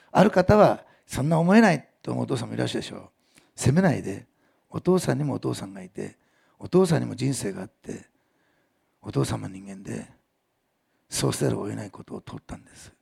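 A man preaching a sermon as a pastor, telling stories with animated delivery and acting out the people he quotes. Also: medium pitch, creaky, husky.

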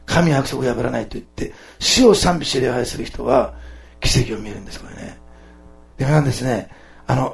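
A man preaching a sermon, switching between loud exclamations and soft, quiet asides. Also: on the high side, creaky. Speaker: pastor. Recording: echoey room.

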